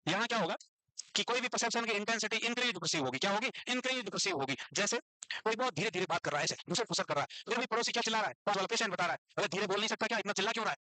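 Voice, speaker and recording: A man with an Indian accent teaching a nursing class online, dictating English definitions slowly and quizzing his students. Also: high voice, animated, sharp tone, no room sound, low-quality recording. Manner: teasing, scolds students playfully.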